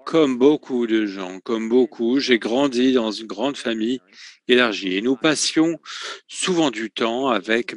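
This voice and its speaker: This French voice-over of a conference talk comes from a male interpreter whose voice sits in the mid range, recorded with no room sound. His pacing stays even and controlled, occasionally interrupted by hesitation sounds and fast corrections while he hunts for a word.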